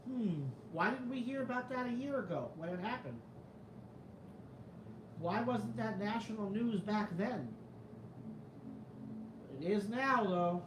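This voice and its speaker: Slow and animated, with frequent pauses, a high-pitched man reads live chat as a show host against reverberant sound and background noise. He hails from the New York area, his New York Italian-American accent coming and going, and he rambles, doubts, and swears without restraint.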